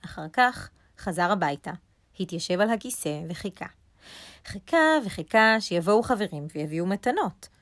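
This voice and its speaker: A woman narrating a children's story in an expressive way, speaking directly to young listeners. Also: mid-range voice, no echo, clean studio sound.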